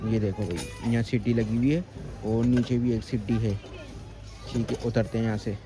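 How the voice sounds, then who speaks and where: A man's voice: medium pitch, fairly even intonation, moderate pace, music in the background. A man talking casually to his phone camera as a vlogger and father, chatty and always pointing things out to his viewers. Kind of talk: casual vlog narration to camera. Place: outdoors, rooftop and street market. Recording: street noise with passing vehicles.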